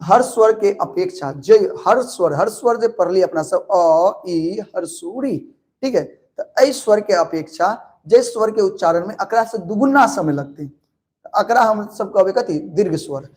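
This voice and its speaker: A man with a Maithili accent teaching grammar for an exam, drilling students with quick questions and answering them himself. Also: sits high. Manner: lively, calls students pet names. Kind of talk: online exam-prep grammar lesson.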